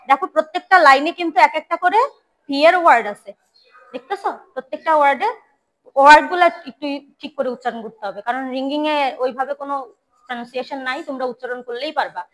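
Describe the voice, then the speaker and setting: A woman's voice: high-pitched, fast, fairly bright tone, rough recording. A woman teaching English pronunciation in a classroom, repeating words and correcting students.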